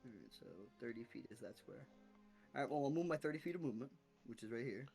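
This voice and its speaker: A man's voice: medium pitch, expressive, fast, vocal fry, a little mellow, faint music behind. A man chatting casually as a player in a tabletop game, rambling and thinking aloud.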